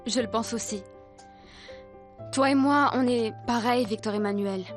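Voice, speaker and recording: A lovesick, persistent woman, as an actress plays her, with a somewhat high, soft and persuasive voice. She presses her feelings with gentle insistence. Soap music runs underneath. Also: a little slow, close to an everyday voice. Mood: tender. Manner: tender, persuasive. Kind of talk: dubbed telenovela acting.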